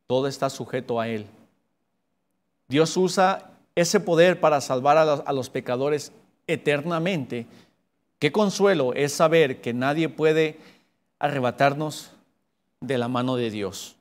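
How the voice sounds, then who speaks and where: A man teaching Sunday school in an earnest preaching style, asking his listeners rhetorical questions, with emphatic rises and low, quiet drops. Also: a little slow, pauses often. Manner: earnest preaching, rising to emphatic peaks then dropping low.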